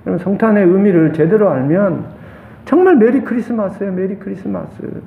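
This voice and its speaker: A pastor with a Gyeongsang accent preaches with passion, his very high voice climbing to loud peaks and dropping to hushes. He is recorded in an echoey room. The sound is thin and phone-like. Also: animated, fairly quick, vocal fry, a little hiss or hum. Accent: Gyeongsang Korean. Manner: impassioned preaching, swings between loud highs and hushed lows. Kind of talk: sermon.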